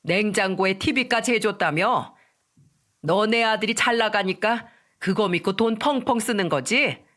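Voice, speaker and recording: A woman voicing an angry older mother-in-law who shouts accusations at her daughter-in-law in a storytelling radio drama. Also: medium pitch, measured pace, close to an everyday voice. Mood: shouting.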